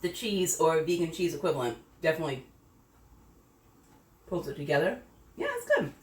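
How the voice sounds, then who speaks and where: Low voiced middle aged woman rambling thru a kitchen cooking demo, sounds kinda far from the mic, echoey room. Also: animated, normal speed, a little mellow, slight background noise. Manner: chatty, rambling, self-correcting, tasting food as she talks. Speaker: home cooking channel host. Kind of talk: casual cooking demo chat. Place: home kitchen.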